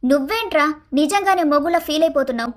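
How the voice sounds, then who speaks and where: A woman voicing a sharp-tongued young married woman in a cartoon story, speaking bluntly and scolding. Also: high voice, expressive, quick pace. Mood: puzzled. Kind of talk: Telugu storybook cartoon dialogue.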